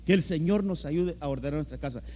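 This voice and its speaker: High-voiced preaching man, Honduran accent, echoing hall. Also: fast, a little mellow, a little hiss or hum. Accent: Honduran Spanish. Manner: emphatic, repeats words, often says "hermano". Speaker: pastor. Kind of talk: sermon. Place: church hall. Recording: church hall with long reverb.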